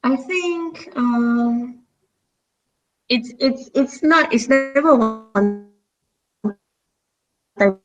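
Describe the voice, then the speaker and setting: A woman's voice: high-pitched, drawn-out words, pauses often, highs cut off, faint music behind. A Malaysian woman speaking as a panel guest on a video call, her audio breaking up and glitching as she hesitates and restarts. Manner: hesitant, repeats and restarts words. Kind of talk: online panel discussion.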